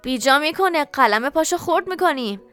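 A loving mother, voiced by a woman narrator, tender but firm, with a gently teasing edge. Her high voice rises and falls expressively. Soft music hums faintly behind the storybook reading. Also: animated. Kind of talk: audiobook character voice.

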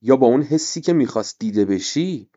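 A man voicing a patient father who speaks calmly and softly, asking his son gentle questions. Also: medium pitch, muffled recording, pitched above the performer's own voice, close to an everyday voice. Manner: calm, soft-spoken, questioning.

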